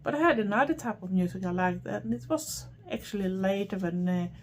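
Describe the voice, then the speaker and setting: A middle-aged woman from Sweden with a Swedish accent, talking in a chatty, rambling way with frequent pauses. She answers viewer questions for her own channel. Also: mid-range voice, slight background noise. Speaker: vlogger. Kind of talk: casual Q&A chat to camera.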